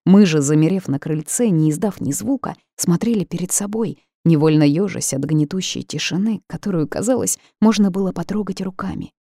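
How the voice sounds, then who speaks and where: Dark-voiced woman narrating an audiobook. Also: lowish voice, fairly quick, hardly any pauses, no echo, clean studio sound. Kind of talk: first-person fantasy audiobook narration.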